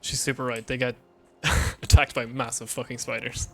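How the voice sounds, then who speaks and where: A man's voice: mid-range voice, flat delivery, normal speed, vocal fry, sharp tone, faint music behind. A man giving casual, offhand gameplay commentary for a walkthrough, partly talking to himself.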